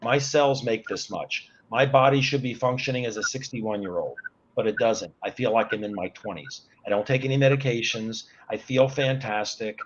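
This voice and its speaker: A man's voice: mid-range voice, moderate pace, lo-fi sound, slight background noise. A man in his sixties, a guest on an online talk show, earnestly explaining things step by step. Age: 60s.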